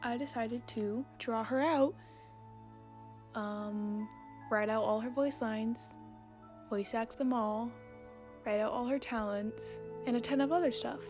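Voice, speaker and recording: A young woman who makes videos and art narrates a casual voice-over with background music behind her. Her voice is a little high with a darkish tone and fairly even intonation, and she goes slowly, pausing often. She rambles chattily and pokes fun at herself.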